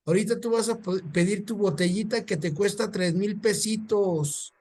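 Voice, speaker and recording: A man's voice: high voice, moderate pace. A man putting on a devout, generous Mexican woman. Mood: reproachful. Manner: gently reproachful, earnest.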